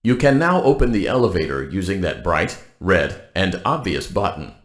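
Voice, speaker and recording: In a game, a man voices a blandly polite, cheerful robotic workplace guide, reading scripted announcements with upbeat corporate formality and a deadpan delivery. His voice is deep, at normal speed, in a reverberant space.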